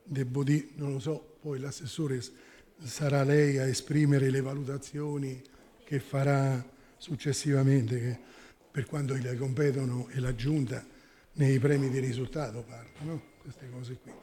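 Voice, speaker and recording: A man's voice: mid-range voice, level tone, unhurried, dark tone. A man speaking as a town councillor in a formal council debate, arguing and often correcting himself. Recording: echoey council chamber.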